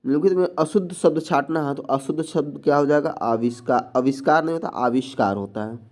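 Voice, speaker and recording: Mellow-voiced man explaining exam answers. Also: fairly high pitch, quick pace. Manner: explains each answer plainly, often repeating words. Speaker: teacher. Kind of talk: exam-prep spelling lesson.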